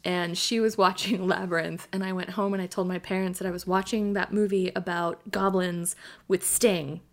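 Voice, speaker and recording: Animated woman telling a story. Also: fairly low pitch, moderate pace. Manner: animated storyteller, laughs often, acts out quotes. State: hiccups. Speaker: podcast co-host. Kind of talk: casual chat.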